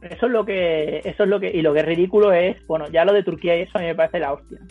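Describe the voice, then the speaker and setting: A man's voice: high voice, rapid-fire. A man with a Spanish accent chatting casually as a podcast co-host, blunt and sweary. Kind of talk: casual chat. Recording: phone-like thin sound, music behind.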